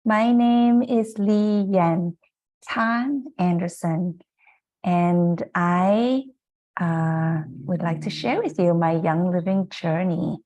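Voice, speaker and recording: A woman's voice: on the low side, takes it slowly, a little mellow. A woman in her forties from Malaysia giving an earnest, reflective presentation about her life and work, with frequent fillers. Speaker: guest speaker. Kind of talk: presentation talk.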